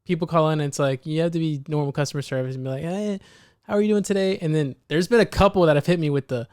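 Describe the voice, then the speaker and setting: Young male co-host, laid-back chat, smooth clear voice, dry close sound. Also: fairly high pitch, racing, no room sound. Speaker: podcast co-host. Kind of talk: casual chat.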